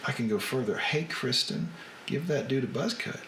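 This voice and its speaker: A man with a Southern US accent chatting casually to livestream viewers as host, in an unhurried drawl with drawn-out words. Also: medium pitch, animated, pushed and bright. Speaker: host of a live reading stream. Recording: roomy echo, faint background noise.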